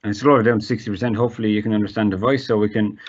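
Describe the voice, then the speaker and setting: Talking very fast with fairly even intonation, a man with a fairly low pitch demonstrates accessible technology as a guest. He is Irish, and his demo is casual and informal, with some hesitation. The audio sounds dull.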